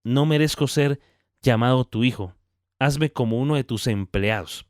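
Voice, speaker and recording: A man doing a humbled young son who drops his voice low and soft to plead. The tone stays smooth on a dry, close recording. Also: normal speed, no room sound, lightly acted. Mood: contrite. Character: humbled, repentant young son, hungry and ragged.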